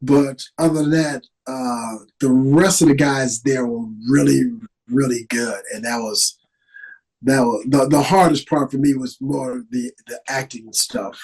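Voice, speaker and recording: A middle-aged man, an actor, telling stories in an animated, casual way as a podcast guest. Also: mid-range voice, measured pace, breathy edge, low-quality recording. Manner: animated, lively storyteller with restarts. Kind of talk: casual interview storytelling.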